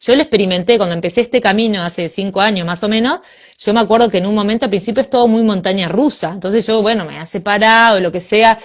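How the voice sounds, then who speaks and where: A woman with a Rioplatense Spanish accent in a casual spiritual conversation, animated and acting out inner voices with sighs. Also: mid-range voice, quick pace.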